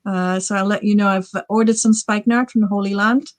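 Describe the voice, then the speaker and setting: A woman in her forties chats enthusiastically, piling on fillers as she rambles. Her voice sits mid pitch and sounds dry and close. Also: steady tone, fairly quick, no room sound. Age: 40s. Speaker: guest author. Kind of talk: casual podcast chat.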